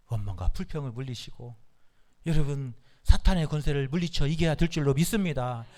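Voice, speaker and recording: A male pastor preaches to his congregation with a high, restless voice that leaps up and drops down. He pushes the room into call-and-response and breaks into loud shouted commands. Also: vocal fry. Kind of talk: sermon.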